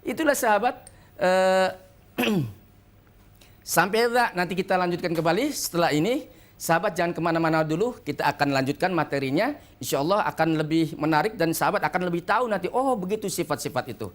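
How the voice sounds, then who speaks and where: A man teaching Quran pronunciation on a TV program, with an Indonesian accent, who demonstrates each letter sound by repeating it slowly. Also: sits high. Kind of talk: televised tajweed lesson.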